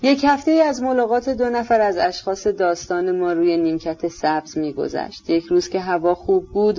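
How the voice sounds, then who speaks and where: An audiobook narrator giving a steady, measured literary reading of a novel. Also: medium pitch. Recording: slightly dull lo-fi recording.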